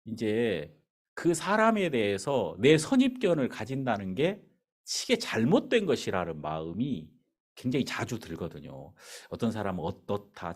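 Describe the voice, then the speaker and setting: A male pastor preaching in a church, telling a story with acted-out dialogue. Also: on the low side. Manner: animated storyteller acting out dialogue. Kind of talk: sermon with storytelling. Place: church sanctuary.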